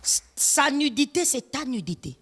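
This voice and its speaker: A woman pastor, preaching an emphatic sermon full of rhetorical questions, slipping in Lingala phrases and shouting at the high points. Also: big pitch swings, normal speed, big-room sound, a little hiss or hum.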